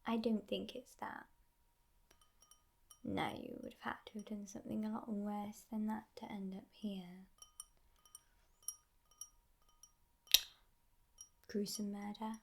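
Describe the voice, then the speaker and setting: A woman playing a teasing but gentle devil in an ASMR role-play, in a breathy, hushed voice with musing pauses. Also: medium pitch, flat delivery, a little hiss or hum, lightly acted. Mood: teasing, probing. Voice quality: breathy, husky soft voice.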